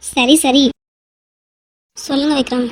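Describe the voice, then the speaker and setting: High-voiced cartoon young wife, pleading, insistent, fussy, played by a woman. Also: level tone, takes it slowly, no room sound. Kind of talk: cartoon voice dub.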